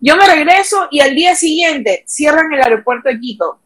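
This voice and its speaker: A woman in her forties with an Ecuadorian Spanish accent, a guest on a talk show, telling long lively stories and quoting her own words along the way. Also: sits high, moderate pace, poor audio. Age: 40s. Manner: lively storyteller, quoting herself in long anecdotes. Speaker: guest, human rights activist. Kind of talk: casual chat.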